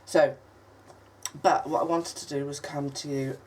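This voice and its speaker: Low and darkish, with fairly even intonation, the voice belongs to a woman hosting a craft channel, hoarse and croaky from a cold that won't quite clear. She meanders hesitantly through a casual project tutorial, often saying "um" and breaking off to cough. A distant mic picks her up along with a faint hiss.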